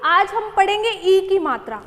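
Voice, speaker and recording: A woman's voice: very high-pitched, lively intonation, normal speed, fairly bright tone, in a large hall. A woman teacher giving a patient online lesson to young children, asking questions and answering them herself.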